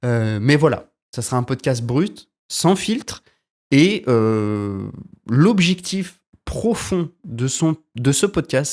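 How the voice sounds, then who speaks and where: A man's voice: medium pitch, darkish tone. Rambling young man hosting a podcast. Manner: rambling, self-correcting, frequent hesitations. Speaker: podcast host. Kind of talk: casual solo podcast monologue. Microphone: desk podcast mic.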